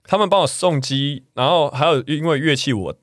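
A man, a capoeira instructor guest telling a story casually, animated and laughing as he acts out the voices he quotes. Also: on the high side, brisk, no echo, studio quality. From Taiwan.

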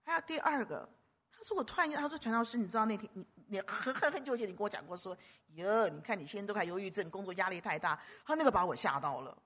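Husky, animated woman preacher. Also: mid-range voice, fast talker. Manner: animated, emphatic, stumbles and repeats words. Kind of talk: sermon.

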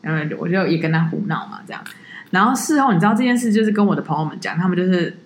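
Fast-talking woman telling tour-guide stories. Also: lowish voice, roomy sound, slight background noise. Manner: animated storyteller, acts out quoted people. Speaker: podcast co-host, tour leader. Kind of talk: casual podcast chat, storytelling.

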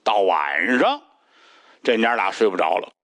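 Male storyteller, lively pitch swings, dry close sound. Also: unhurried, no room sound. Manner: animated, dramatic pacing. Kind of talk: traditional solo storytelling.

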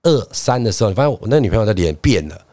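A man's voice: lowish voice, very fast, no echo, clean studio sound. A man co-hosting a casual podcast chat, telling a story with acted-out quotes and frequent laughter. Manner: animated storyteller, acts out quotes, laughs often. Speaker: podcast co-host.

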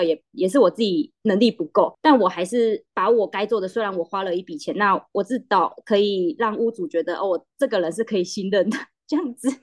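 A woman, a real estate agent guest telling a story in casual podcast chat, animated and full of restarts. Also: mid-range voice, no room sound.

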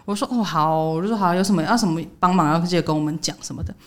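A young woman, co-hosting a podcast and telling a workplace story in casual chat. She acts out what others said, jumping up in pitch for the quotes. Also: racing. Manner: animated retelling, voicing others' quotes with jumps in pitch. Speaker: podcast co-host.

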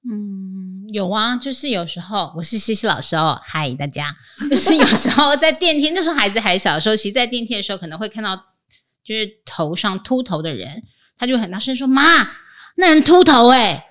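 Bright-voiced woman teacher, playful. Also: medium pitch, expressive, a little fast. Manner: playful, jokey asides. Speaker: teacher and guest. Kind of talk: casual chat.

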